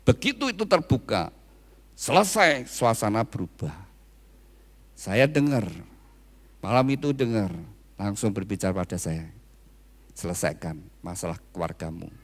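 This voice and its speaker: A man's voice: mid-range voice, sing-song, unhurried, pauses often. A man preaching a wedding sermon, telling a personal story and often addressing the congregation directly. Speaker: pastor. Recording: reverberant church hall.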